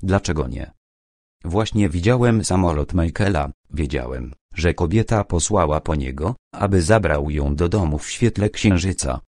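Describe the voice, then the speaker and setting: A man reading the part of a jealous, defiant young wife, in his own low voice. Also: animated, moderate pace, darkish tone, no echo, clean studio sound. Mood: bitter.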